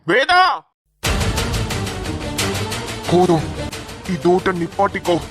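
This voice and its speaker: A man's voice: sits high, normal speed, over music, natural voice. A man voicing a stern young husband who bluntly warns his wife to stop. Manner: blunt, warning tone. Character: stern young husband, gruff and protective of brother.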